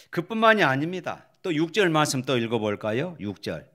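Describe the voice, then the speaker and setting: A middle-aged male senior pastor preaching a Sunday sermon in a church, moving from quiet scripture reading to rising, emphatic exhortation. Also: fairly high pitch. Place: church sanctuary.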